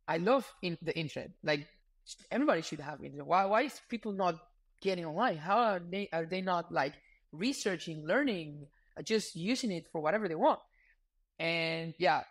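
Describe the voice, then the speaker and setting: A man in his thirties from Ecuador, a startup founder talking as a podcast guest in a relaxed, earnest way with frequent fillers. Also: high voice. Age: 30s. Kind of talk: casual interview talk.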